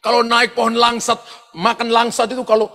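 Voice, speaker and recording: A pastor telling personal stories in a sermon, animated, often shouting out quoted lines and laughing as he goes. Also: very high-pitched, a little fast, gravelly, soft background music. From eastern Indonesia. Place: large church hall. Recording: long hall reverb from church sound system.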